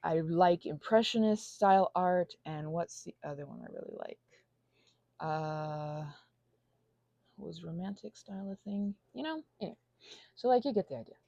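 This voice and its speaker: A woman with a lowish, creaky, dark-toned voice and lively intonation speaks at a moderate pace, recorded lo-fi with no room sound. An audio channel creator, she finger paints while improvising a playful, self-mocking ramble that drifts into tangents and asides and sometimes drops to a near whisper.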